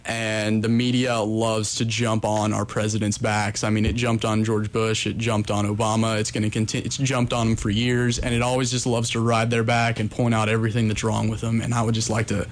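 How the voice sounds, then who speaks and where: A man's voice: lowish voice, monotone, a little fast, few pauses. A young adult man with an American accent giving casual, earnest, rambling answers as an interview guest, with some hesitation. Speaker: interview guest, coffee shop worker. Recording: noticeable background noise.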